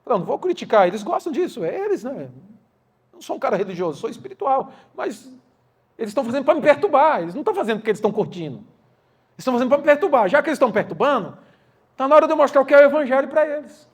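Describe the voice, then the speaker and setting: Male pastor, rapid sermon delivery with slang and animated storytelling. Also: extremely high pitch, husky. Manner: slangy and animated, acts out voices of others.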